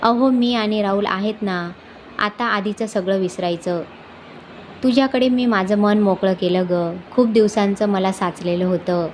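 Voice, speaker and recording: A woman voicing an older, emotional mother-in-law in a storybook reading, speaking softly and from the heart. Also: medium pitch, fairly even intonation, a little slow, a little hiss or hum, lightly acted. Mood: heartfelt.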